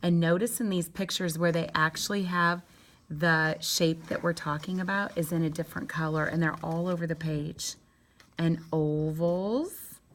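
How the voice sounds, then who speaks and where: A woman teacher talks a class of young children through a lesson at home. Her voice sits a little low, yet she keeps it lively and encouraging. When she reads aloud she stretches out each word in a slow, sing-song way. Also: slight background noise. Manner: bright, encouraging teacher talk.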